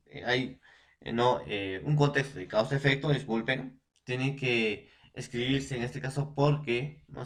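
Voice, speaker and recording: A male secondary school teacher with a Peruvian Spanish accent, giving a spoken grammar lesson. He repeats points often and keeps checking in with the class. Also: medium pitch. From Peru. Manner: repetitive, checks with frequent "¿no?" and fillers.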